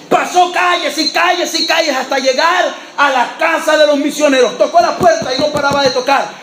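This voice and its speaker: Pastor de voz muy aguda predicando. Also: male voice, very high voice, slight background noise. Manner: lively storyteller, acting out voices, often shouting. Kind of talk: sermon storytelling. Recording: echoey church hall with faint ambience.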